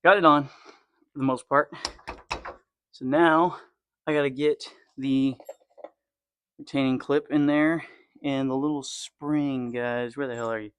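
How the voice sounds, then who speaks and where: A young man casually narrates a car repair in his home garage for his garage channel, swearing freely and muttering complaints to himself as he wrenches. His mid-range voice is steady, clear and resonant, unhurried, with frequent pauses. There is no room sound.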